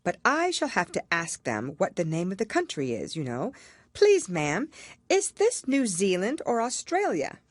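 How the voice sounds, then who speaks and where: Curious little storybook girl, acted by a woman, chatty, dreamy, musing to herself, animated intonation. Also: medium pitch, unhurried, no echo.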